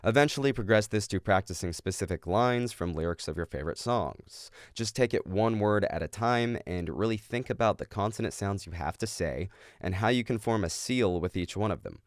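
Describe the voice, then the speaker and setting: A man's voice: fairly low pitch, lively intonation, moderate pace, no echo, clean studio sound. A man giving instructional explanations as a vocal coach. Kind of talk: instructional explanation of screaming technique.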